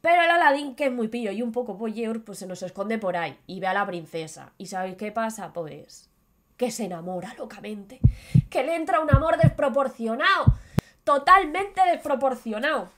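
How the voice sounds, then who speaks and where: Woman co-host, slightly high voice, jokey and crude storytelling, jumps into character voices. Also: moderate pace, slight background noise. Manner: playful, crude and lively, acting out the characters' lines. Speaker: channel co-host. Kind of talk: casual comic retelling of a story.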